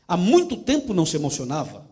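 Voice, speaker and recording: A man's voice: sits high, wildly swooping pitch, fast, dark tone. A Brazilian man preaching a sermon, telling a story and speaking emphatically to the congregation.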